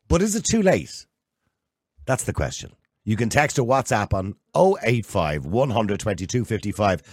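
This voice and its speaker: A man's voice: deep voice, no room sound, studio quality. An Irish man hosting a radio phone-in, opinionated and emphatic, repeating phrases and putting rhetorical questions. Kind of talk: opinionated talk radio presenting. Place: radio studio.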